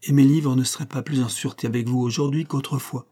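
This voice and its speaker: Stern old-fashioned tutor, read by a man, formal and measured, with a mellow, husky voice. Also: mid-range voice, steady tone, lightly acted. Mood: dry. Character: stern former tutor, grave, reserved man.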